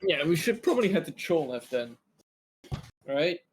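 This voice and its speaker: A man's voice: a little high, very animated, normal speed, slightly rough. A man talking casually as a player in a tabletop role-playing game.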